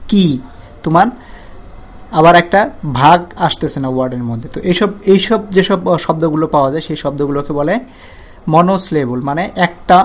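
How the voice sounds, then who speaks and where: A man with a slightly raised speaking voice explains a grammar lesson to students. He drags out example words and says them more than once, breaking them into parts, and pauses often as he feels his way through the explanation. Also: fairly high pitch. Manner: repeats and stretches words slowly to show syllables. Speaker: teacher.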